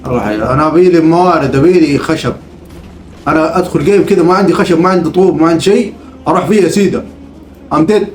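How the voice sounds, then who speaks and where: Fast-talking Gulf Arabic man gaming. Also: fairly high pitch, reverberant, soft background music. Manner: repeats catchphrases and short phrases. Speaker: gaming video host. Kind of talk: casual gameplay commentary.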